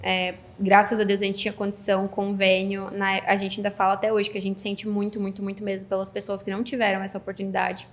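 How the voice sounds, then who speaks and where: A woman in her thirties chatting casually as a podcast guest, telling a story with lively acted-out dialogue. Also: mid-range voice, fast talker, hardly any pauses. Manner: animated storytelling, acts out quoted dialogue. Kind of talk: casual chat.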